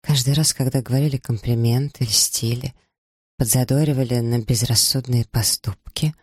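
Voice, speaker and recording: A man's voice: medium pitch, fairly even intonation, moderate pace, husky, no room sound, studio quality, close to an everyday voice. A man reading a wounded, furious young noblewoman in an audiobook, with accusing outbursts. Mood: horrified.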